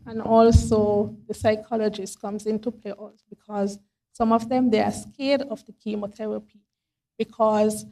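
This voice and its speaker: A woman's voice: medium pitch, level tone, moderate pace, warm tone. A woman explaining things on a panel, recorded on stage with a handheld microphone. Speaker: health forum panellist. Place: forum hall, on stage. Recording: slightly distant microphone.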